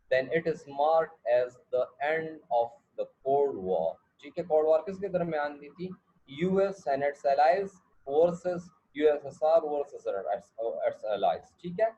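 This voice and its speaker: A man's voice: on the high side, warm tone, slightly rough. A male lecturer, teaching a class and often checking that students follow, with English asides. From Pakistan. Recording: dull lo-fi recording.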